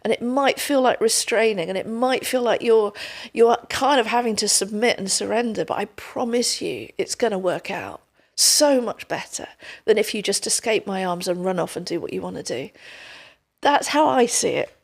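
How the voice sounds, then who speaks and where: A woman's voice: mid-range voice, lively intonation, moderate pace, vocal fry. A middle-aged woman, hosting a podcast in casual conversation, telling stories tenderly and acting out what people say. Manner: tender, storytelling, acts out quotes. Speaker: podcast host.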